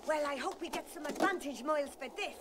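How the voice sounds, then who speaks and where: A woman's voice: high-pitched, quick pace, heavy background noise, lightly acted. A woman voicing a tiny elderly gnome wife in a fantasy film, scolding and sarcastic. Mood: scornful. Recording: music under the voice.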